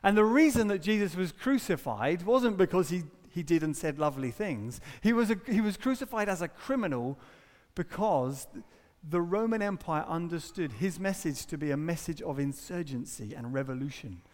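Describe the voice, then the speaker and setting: A man preaching a sermon, talking in a conversational way with rhetorical questions and quick asides. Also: fairly high pitch, animated, a little mellow. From Britain. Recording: long hall reverb.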